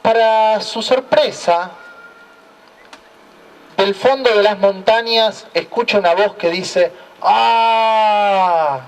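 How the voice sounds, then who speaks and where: Man, church speaker, high animated voice, unhurried preaching, miked from afar outdoors. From Argentina. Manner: slow, deliberate storytelling with repeated refrain. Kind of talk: preaching talk. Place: outdoor town square. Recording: voice heard from a distance.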